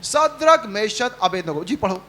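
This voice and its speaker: A man's voice: high-pitched, sing-song, a little slow, sharp tone. A male pastor preaching a Sunday sermon, leading the congregation in call-and-response and acting out the quotes he tells. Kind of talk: Hindi sermon. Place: church service.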